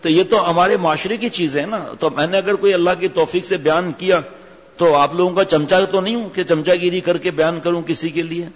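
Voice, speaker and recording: A man's voice: high voice, steady tone. A man preaching a sermon in an emphatic, rhetorical, scolding manner. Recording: dull audio with long hall reverb.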